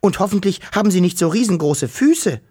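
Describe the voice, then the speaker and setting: Ein kleines, zaghaftes Fabelwesen mit grünem Haar, von einem Mann gesprochen, klingt in einer Kinderhörgeschichte hell und etwas höher. Sie seufzt oft und spricht ängstlich und klagend. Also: male voice, high voice, lively intonation, fairly quick, mellow, breathy edge, pitched above the performer's own voice. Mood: hopeful. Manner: anxious, sighing, plaintive. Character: small timid female furry creature with green hair.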